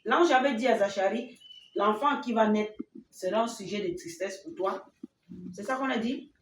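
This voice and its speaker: A woman's voice: medium pitch, moderate pace. Cameroonian woman teaching kids in an echoey church. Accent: Cameroonian French. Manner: acts out child and mother voices, asks the children questions. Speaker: Sunday school teacher. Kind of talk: children's Bible lesson with acted scenes. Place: church hall. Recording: echoey hall from far off, faint noise.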